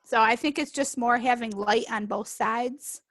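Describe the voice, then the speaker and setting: A woman's voice: a little high, unhurried, fairly bright tone, no echo. A woman organizer on a video call giving announcements in a friendly, plain way. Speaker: meetup organizer. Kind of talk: casual video call chat. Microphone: computer mic on video call.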